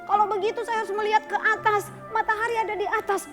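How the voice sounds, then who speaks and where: A woman's voice: fairly even intonation, fast, music in the background. A woman voicing an eager little boy in a children's story, calling out and repeating himself. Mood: excited. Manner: eager, high, repeating calls.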